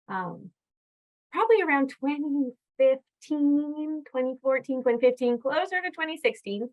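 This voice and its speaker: A woman from California presenting a professional webinar in a conversational way, with frequent fillers. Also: fairly high pitch. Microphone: video call. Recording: dull lo-fi webinar audio.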